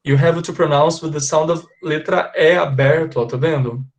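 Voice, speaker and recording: A man with a slightly high voice leads an English class for his students. He explains things patiently and slowly repeats each example sentence so the class can follow. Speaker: English teacher. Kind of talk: live online class.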